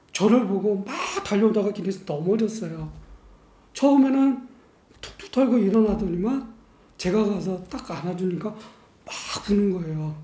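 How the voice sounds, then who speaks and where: A man preaching a sermon as pastor in a church, measured and unhurried, posing rhetorical questions to the congregation. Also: high-pitched, dark tone. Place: church sanctuary. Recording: echoey church room.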